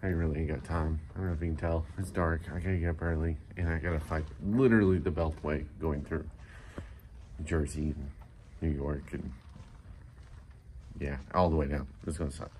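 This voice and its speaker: A man's voice: a bass voice, steady tone, moderate pace, darkish tone. A man in his forties chatting casually and bluntly in a rambling, mildly profane handheld vlog. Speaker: travel vlogger. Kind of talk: casual vlog chat, reviewing a motel room. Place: hotel rooms and hallways, indoors. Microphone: phone at arm's length. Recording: noisy handheld phone recording.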